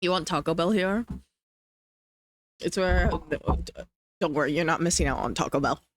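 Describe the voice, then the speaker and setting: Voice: mid-range voice, normal speed, background noise. A livestreamer chatting casually with chat while eating, rambling and hedging with lots of fillers. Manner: rambling, hedging with many "like"s, reading chat aloud.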